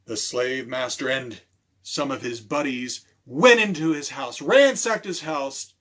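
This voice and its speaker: Reading aloud in a mid-range voice, a children's storytime librarian performs theatrically, dropping into hushed moments, pausing for drama and putting questions to the kids.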